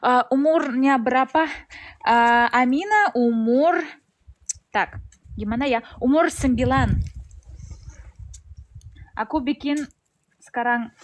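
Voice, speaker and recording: A Russian woman speaking Indonesian as a foreigner with a Russian accent, chatting casually on an outdoor live stream and pausing to search for words. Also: high-pitched. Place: outdoors in the snow.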